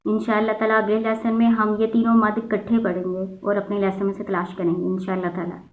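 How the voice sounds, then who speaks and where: A woman teaching a step-by-step Quran reading lesson, patiently slowing down to sound out each example. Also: mid-range voice, completely flat delivery. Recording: echoey, phone-like lo-fi sound.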